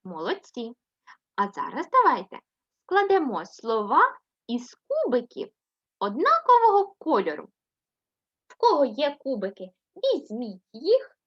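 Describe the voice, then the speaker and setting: Woman, Ukrainian accent, primary teacher, unhurried, bright high voice, dull lo-fi sound. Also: huge pitch swings. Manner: slow, sing-song syllable-by-syllable reading with frequent "так?" checks; affectionate praise of pupils. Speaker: first-grade teacher. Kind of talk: remote reading lesson for young children.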